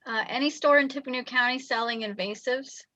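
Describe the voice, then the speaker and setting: A woman's voice: sits high, fairly quick, bright, forceful tone, no room sound. A woman on a video call panel, informative and friendly, laughing easily. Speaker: panelist on invasive species. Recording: dull lo-fi video call audio.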